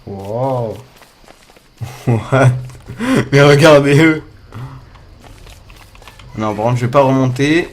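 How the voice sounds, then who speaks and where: Young gamer dude doing let's play commentary, excitable and sweary, faint game music behind. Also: male voice, lowish voice. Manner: excitable, swears a lot, talks to the viewers; loud startled outbursts and laughs. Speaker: gamer playing a survival game.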